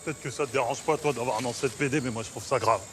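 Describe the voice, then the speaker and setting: An actor playing a brash, excitable young man who yells and boasts in a comedy film. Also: mid-range voice, racing, over music, natural voice. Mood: indignant. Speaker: film character. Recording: film scene with crowd and noise.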